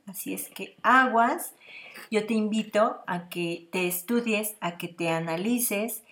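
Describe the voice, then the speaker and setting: A woman's voice: mid-range voice, a bit bright. Earnest woman giving parenting advice. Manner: earnest, speaks straight to the listener, repeats phrases for emphasis. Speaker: parenting podcast host. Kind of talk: casual advice monologue.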